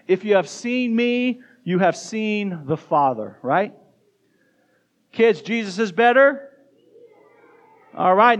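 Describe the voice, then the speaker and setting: High-voiced man preaching with energy. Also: lo-fi sound. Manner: energetic, addresses kids and congregation directly, quick bursts. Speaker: pastor. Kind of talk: sermon. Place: church sanctuary.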